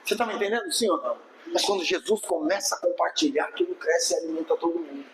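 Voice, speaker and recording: A man's voice: a little high, fast, background noise. A man with a Brazilian Portuguese accent preaching a sermon as pastor, emphatic, often asking the congregation whether they follow him. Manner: emphatic, keeps asking the congregation "are you understanding me, yes or no?"; acts out churchgoers' voices in quotes.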